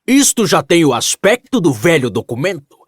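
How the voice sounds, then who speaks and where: A male audiobook narrator voicing an excitable, absent-minded older professor with emphatic, exclaiming speech. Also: on the high side, normal speed, slightly rough, no room sound, clean studio sound, pitched above the performer's own voice. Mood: eager. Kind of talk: audiobook character voice.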